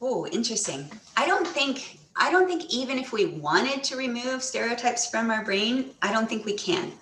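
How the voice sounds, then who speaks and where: Animated woman author in an echoey room. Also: a little high, normal speed, slight background noise. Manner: animated storytelling, acts out quoted voices. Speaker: children's author. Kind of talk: book presentation and Q&A. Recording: echoey room, a little off-mic.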